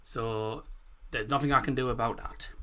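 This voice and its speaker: A man's voice: medium pitch, fairly even intonation, a bit bright. A man hosting a football watchalong, announcing in an informal way, with a speech impediment that makes his r sound like w. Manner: informal, deliberate on names, swears mildly. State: has a cold. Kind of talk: live stream announcing, reading out team lineups.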